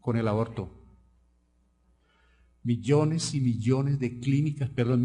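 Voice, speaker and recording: Man, Colombian Spanish accent, pastor preaching, medium-pitched voice, questions the congregation. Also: slightly rough. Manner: lively storytelling preacher, asks the congregation questions. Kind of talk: sermon.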